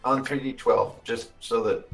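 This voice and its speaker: A man playing a tabletop game, reacting with animated jokes. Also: mid-range voice, a little slow, gravelly, faint music behind, poor audio. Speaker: player. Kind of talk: casual tabletop game talk.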